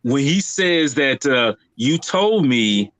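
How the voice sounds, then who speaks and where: A man's voice: medium pitch, animated, slow, fairly bright tone, no echo, low-quality recording. A man casually discussing a film on a livestream, rambling with many fillers and restarts. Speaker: podcast co-host.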